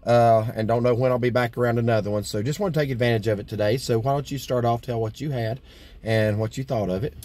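A man's voice: medium pitch, steady tone, fast talker, a little mellow. A middle-aged man hosting a casual food vlog, talking in a rambling, folksy way with lots of fillers, recorded inside a parked vehicle. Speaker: vlog host. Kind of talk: casual food review chat.

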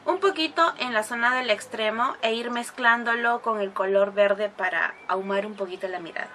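A woman's voice: medium pitch, normal speed, pushed and bright, slight background noise. A woman talking through a makeup tutorial, chatty and explaining each step as she goes, with bursts of gushing praise for the products. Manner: gushing exclamations over products. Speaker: beauty vlogger.

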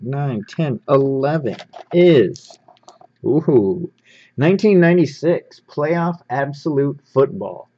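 A man with a fairly high, slightly mellow voice hosts a sports card pack-opening show, narrating what he handles during a casual unboxing. He comes across upbeat and easygoing, and the lo-fi microphone sounds slightly dull.

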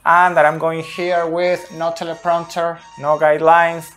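Standing at a whiteboard in a small room, a thirtyish football analyst who speaks English as a second language walks through tactics slowly and deliberately, frequently asking "okay?" His voice is fairly high, bright and monotone. He's filmed close on a phone, with soft music in the background.

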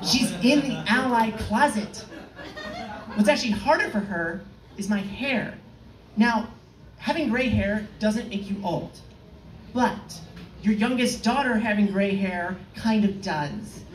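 A young woman performing a stand-up comedy set on a club stage, delivering dry, deadpan one-liners with the odd filler. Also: mid-range voice, takes it slowly, a little hiss or hum. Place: comedy club stage, in front of a live audience. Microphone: far room pickup, no mic held. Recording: echoey club heard from far off.

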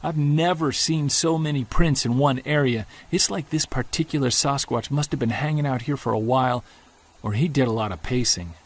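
In an audio drama, an actor plays an obsessed Bigfoot hunter alone in the woods by night and day, delivering a low, excited monologue into his field recorder. Faint outdoor sound sits behind his lightly acted, moderately paced delivery.

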